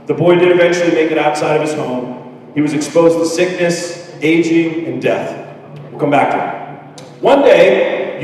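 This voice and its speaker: A man in his thirties with a fairly high-pitched, darkish voice jokes his way through a candid graduation speech as a teacher, often at his own expense. There's slight background noise, and a distant mic picks him up from far off in a large, echoey hall.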